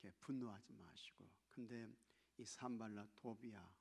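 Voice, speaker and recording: Male pastor, gravelly voice, preaching in a church, shifts between loud exhortation and hushed whispers. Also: on the low side, steady tone, normal speed. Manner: exhorting congregation, drops to near-whisper for emphasis. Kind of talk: sermon. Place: church sanctuary.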